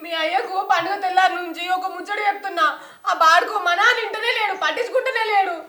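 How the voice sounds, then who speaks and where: A high, bright-voiced village mother with a Telangana accent, played by a woman, anxious and tearful, scolding her family at a quick clip. She speaks in a rural family drama. The room around her is echoey. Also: steady tone. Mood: worried, tearful. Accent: Telangana Telugu. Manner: weepy, scolding.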